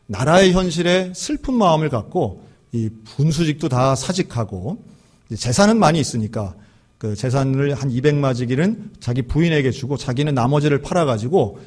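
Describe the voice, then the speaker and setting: A man's voice: on the high side, darkish tone, husky. A male pastor telling a story in a sermon, acting out the characters' dialogue.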